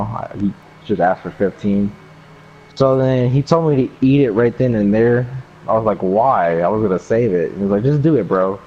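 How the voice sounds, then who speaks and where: On a dull lo-fi mic with a little background noise, a young adult American man with a lowish, slightly dark voice rambles through a story for a friend, swearing and using plenty of slang.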